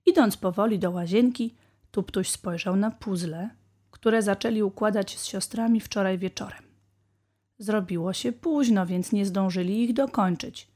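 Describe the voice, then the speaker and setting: A woman narrating a children's bedtime tale in a gentle, even manner. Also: mid-range voice, normal speed. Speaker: storyteller.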